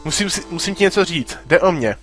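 A man reading the lines of a calm, motherly sorceress in a plain voice. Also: on the high side, soft background music. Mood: confiding. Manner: plain reading of a translated game script.

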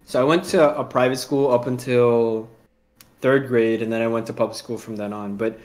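A young man, a podcast co-host, talking casually in a relaxed way and laughing often. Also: medium pitch, normal speed. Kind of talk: casual chat.

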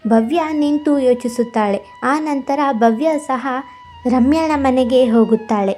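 A woman with a high, light voice tells a cartoon fairy tale in friendly storybook narration. Soft music runs faintly behind her. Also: measured pace. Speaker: storyteller and channel host.

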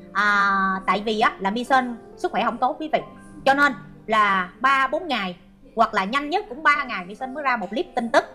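A woman's voice: high-pitched, sharp tone. A middle-aged woman hosting an online commentary show, reading out viewer comments and scolding a hater with sarcasm.

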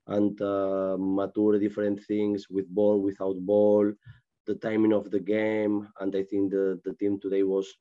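A man in his forties fields post-match questions on a video call from a press room, his English halting and searching. His voice sits low and flat, with a dark, mellow tone. The sound is muffled and dull. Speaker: football manager. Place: press room with sponsor board.

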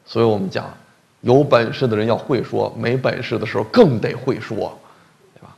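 A man giving a comic storytelling lecture in a colloquial, animated way, often asking the audience questions. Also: medium pitch, normal speed, creaky, lo-fi sound.

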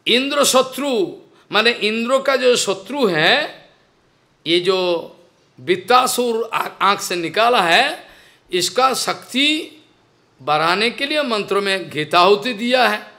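Slow, bright-voiced man telling a story. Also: sits high. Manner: repeats phrases, explains slowly, mixes in English words. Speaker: spiritual teacher. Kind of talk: devotional storytelling lecture.

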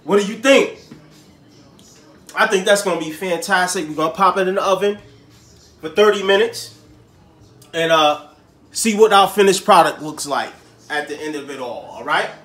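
Stuffing potatoes on his home cooking show, this host talks to viewers in a relaxed, slang-filled way. He has a high-pitched, somewhat bright voice, speaks at a moderate pace, and pauses often, with faint music playing behind him.

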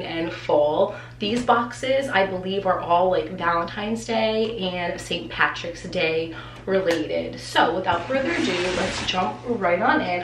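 A New England teacher in her thirties chats excitedly through a casual unboxing vlog, her voice fairly low and nasal from allergy congestion. She's excitable and says "like" a lot. She sits facing a camera in a small indoor room that's echoey with faint hiss.

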